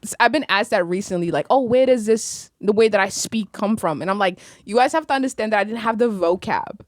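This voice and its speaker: In a small studio, a young Arabic-speaking poet chats casually as a podcast guest, reflective and poetically vivid. She speaks briskly at a medium pitch into a stand-mounted mic while wearing headphones, with no room sound.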